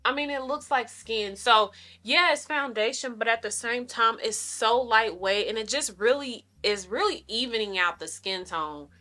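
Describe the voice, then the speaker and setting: This lifestyle vlogger, in her thirties, keeps up a bright, forceful, slightly high and somewhat nasal voice at normal speed with hardly any pauses. Chatting casually as she does her makeup, she rambles through friendly asides to her audience.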